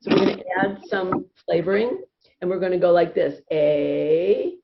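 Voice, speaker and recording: A woman's voice: on the low side, steady tone, a little fast, a crowd in the background. A woman teaching laughter yoga over a video call, upbeat and encouraging, often breaking into laughter as she guides the group. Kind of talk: guiding a group laughter session. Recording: dull lo-fi video call audio. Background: group of participants laughing and cheering.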